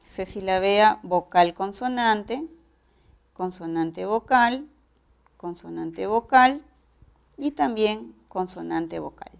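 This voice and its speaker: Slow, measured woman teacher with a Peruvian accent. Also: mid-range voice, lively intonation, vocal fry. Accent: Peruvian Spanish. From Peru. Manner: measured, explanatory, spells out syllable patterns. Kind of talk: pre-university lecture.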